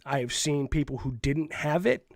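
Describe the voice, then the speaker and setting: A man's voice: a little high, moderate pace, dry recording, studio quality. A man co-hosting a casual sports podcast from home while still a little sick, talking frankly and rambling with many restarts. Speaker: co-host. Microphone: own microphone, muted between coughs.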